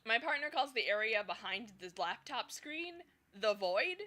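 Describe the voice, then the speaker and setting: Bright-voiced, giggly woman streamer. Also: on the high side, expressive, moderate pace. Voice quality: slips into a slight lisp at times. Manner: rambling and giggly, many fillers. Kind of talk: casual live-stream chat.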